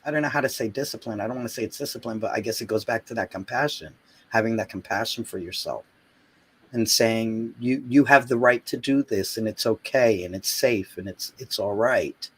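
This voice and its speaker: Halting man searching for words. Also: mid-range voice, fairly bright tone, breathy edge. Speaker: guest. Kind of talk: casual interview conversation.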